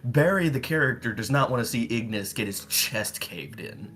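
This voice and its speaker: A man's voice: mid-range voice, expressive, moderate pace. A man playing in a tabletop game, chatting casually and joking with the group. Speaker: player. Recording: soft guitar music behind.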